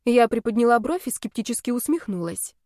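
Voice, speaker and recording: A woman narrating a first-person audiobook in a lively, expressive way, turning indignant and playful when she speaks as the heroine. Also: fairly high pitch, fairly quick, no room sound, studio quality.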